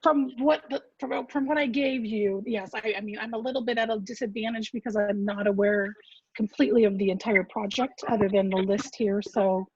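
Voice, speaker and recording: Over a group voice chat that keeps dropping out, a woman representing an agency gives a formal public meeting report, steadily going point by point with fillers. The dull, lo-fi call audio from her computer mic carries a mid-range, slightly rough voice, fairly quick and without room sound.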